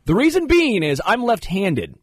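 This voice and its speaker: A man hosting a radio show from a studio, telling stories in a casual, animated way. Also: sits high, moderate pace, husky, dry recording. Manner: animated storytelling, puts on voices. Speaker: radio host. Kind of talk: casual sports radio chat. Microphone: studio mic.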